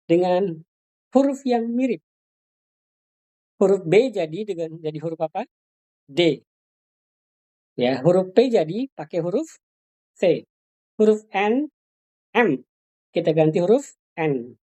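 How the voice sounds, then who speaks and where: A soft-spoken woman leads a hands-on workshop for Sunday school teachers, her voice sitting low and mellow. She explains patiently, with plenty of fillers and restarts as she demonstrates.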